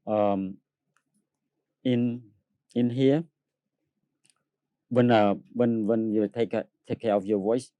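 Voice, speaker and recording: A Cambodian opera tenor, whose first language is Khmer, answers interview questions in halting English full of fillers and frequent laughter. His voice is on the low side and steady, in a dry recording with narrow, tinny audio.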